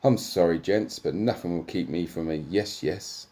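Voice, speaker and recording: A man putting on a smug, gloating warrior type with a put-on New Zealand accent and a deep voice, talking big and theatrical. The tone is boastful rather than menacing, and it is read aloud in a comic storybook style. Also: normal speed, mellow, natural voice. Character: smug male warrior with a huge weapon.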